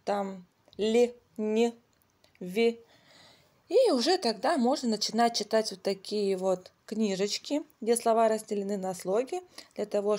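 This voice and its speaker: Mellow-voiced woman explaining like a tutor. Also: medium pitch. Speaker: children's reading tutor and channel host. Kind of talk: casual explanatory book review.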